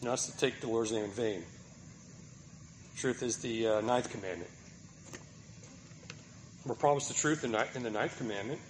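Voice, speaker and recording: A man's voice: medium pitch, moderate pace, long pauses, a little hiss or hum. A man preaching a sermon, asking the listeners rhetorical questions and checking in with a repeated "right?".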